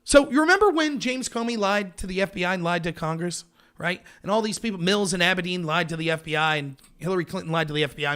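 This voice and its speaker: A man with a strikingly high, slightly bright voice launches into a heated political rant, driving home every point with emphasis through sarcasm and rhetorical questions.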